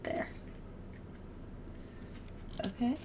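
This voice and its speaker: A woman leads a casual, step-by-step drawing tutorial, talking through each stage in an encouraging, unhurried way as she works. The audio is clear, with background noise and the sounds of drawing.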